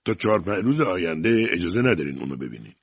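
A brusque, stern police commissioner, as a male audiobook reader plays him, very deep and husky. He speaks in a curt, official way, the sound dry and dull. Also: very animated, dry recording, exaggerated voice. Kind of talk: audiobook character voice.

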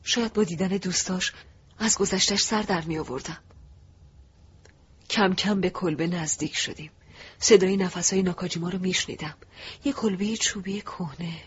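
A man narrating a first-person audiobook in a soft, reflective, emotive way. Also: high-pitched, slightly rough. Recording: dull lo-fi recording.

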